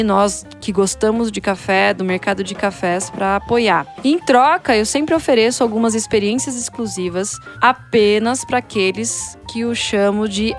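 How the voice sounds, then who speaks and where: A woman with a Brazilian accent hosting a podcast in a chatty, enthusiastic way, speaking directly to her listeners. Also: a little high. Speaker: podcast host.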